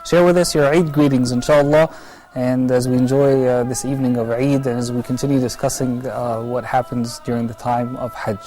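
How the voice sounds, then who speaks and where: A man's voice: mid-range voice, level tone, moderate pace, hardly any pauses, warm tone, rough recording. A man hosting a live call-in talk show, greeting callers and passing their questions to a scholar. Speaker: live show host taking calls.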